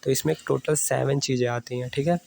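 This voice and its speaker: Gravelly, flat-voiced man teaching audit. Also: mid-range voice, a little hiss or hum, low-quality recording. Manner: reads English lines slowly, explains in quick Hindi. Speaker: audit tutor. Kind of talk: explaining a text to students.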